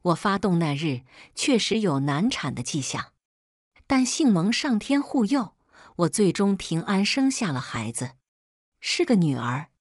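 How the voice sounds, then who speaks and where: A woman reading a first-person story as narrator, in a measured, even storytelling manner. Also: fairly low pitch, no echo, clean studio sound.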